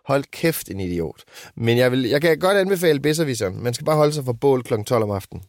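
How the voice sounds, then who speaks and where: A man's voice: mid-range voice, expressive, a little mellow, no room sound, clean studio sound. A man and father in casual chat, telling rambling anecdotes and swearing freely. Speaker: podcast co-host and father.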